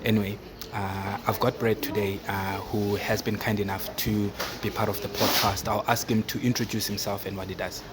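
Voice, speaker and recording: Low flat host guy, lots of uhs, super loud coffee shop behind him. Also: moderate pace, hardly any pauses, heavy background noise. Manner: hesitant, many "uh" fillers. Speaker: podcast host. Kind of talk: casual interview.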